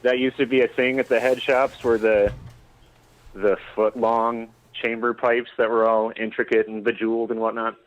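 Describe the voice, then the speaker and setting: A man's voice: medium pitch, level tone, normal speed, low-quality recording. A man from Denver calling in over the phone, easygoing and laid-back. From Denver area, USA. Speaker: caller. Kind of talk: casual call-in chat.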